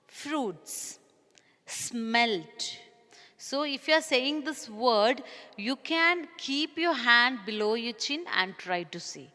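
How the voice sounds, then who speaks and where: A woman, teaching young children a recorded lesson and slowly sounding out words syllable by syllable. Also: fairly high pitch, sharp tone, big-room sound. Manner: slow, deliberate, spelling out syllables and calling listeners "dears". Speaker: primary school English teacher.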